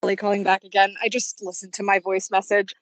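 A woman's voice: medium pitch, monotone, fast talker, no room sound. A woman from Canada leaving a casual voice message while out walking by a busy road. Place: outdoors by a road. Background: road noise.

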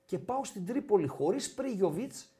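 Animated high-voiced male sports host. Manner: animated, teasing storyteller. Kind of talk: casual sports chat.

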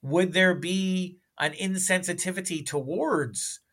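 A man's voice: high voice, slow pace, fairly bright tone. A man talking as a podcast guest in a casual film chat, often asking "you know what I mean".

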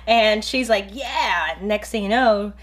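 Giggly relaxed woman in casual chat. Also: medium pitch, takes it slowly. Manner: relaxed, giggly, lots of affirming fillers. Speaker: podcast co-host.

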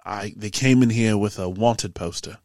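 A man voicing a serious male tavern keeper who warns the party in a low, hushed, measured voice. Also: no echo, studio quality, close to an everyday voice. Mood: grave warning.

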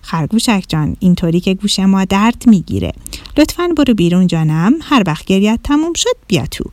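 A woman's voice: mid-range voice, animated, a little mellow, dry recording, close to an everyday voice. A woman voicing a kindly but exasperated male owl schoolteacher in a children's storybook. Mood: teacherly. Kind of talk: storybook narration.

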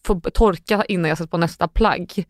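A young woman co-hosting a podcast in casual chat, animated and acting out quotes. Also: no echo, studio quality. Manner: animated, acts out quotes with sudden high outbursts and laughs. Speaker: podcast co-host.

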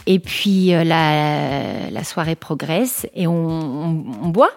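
A woman, recounting a personal memory in a chatty, halting way with many fillers and restarts. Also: low voice, lively intonation, no room sound, studio quality. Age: 40s. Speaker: guest telling her story. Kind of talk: personal testimony storytelling.

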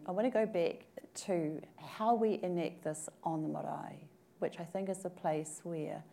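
A woman from New Zealand speaking on a panel, thoughtful and measured, pausing often to gather her words. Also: low voice, vocal fry, warm tone. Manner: thoughtful, measured, with frequent pauses and fillers. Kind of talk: panel discussion. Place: conference room at a table.

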